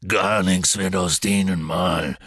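A man voicing Hagrid, a grumpy giant, in a husky, gravelly, slow drawl. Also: low-pitched, steady tone, a bit bright, dry recording, studio quality, voice pushed down, heavily acted.

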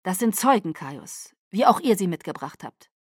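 Woman reading a calm, earnest vampire patriarch. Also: on the low side, moderate pace, breathy edge, dry recording, studio quality. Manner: earnest, level, persuasive.

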